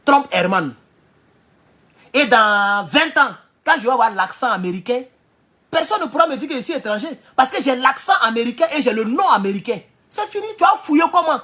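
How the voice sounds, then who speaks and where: A man giving a heated political monologue, hammering rhetorical questions and sometimes shouting. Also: very high-pitched, expressive, fairly quick. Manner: emphatic, repeats rhetorical questions, bursts into shouting. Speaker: political commentator.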